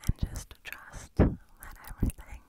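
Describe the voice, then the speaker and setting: A woman in her thirties gives a soothing, reassuring pep talk in an ASMR whisper, speaking right up against a handheld recorder in a small room. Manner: soothing, reassuring, slow and deliberate. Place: small carpeted room indoors. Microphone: handheld recorder held right at the lips.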